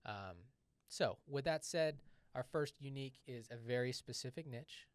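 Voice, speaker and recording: A man's voice: medium pitch, moderate pace, clear, resonant tone, dry recording. A man co-hosting a ministry podcast in a loose, conversational way, with fillers and friendly asides. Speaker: podcast co-host. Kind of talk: casual podcast chat.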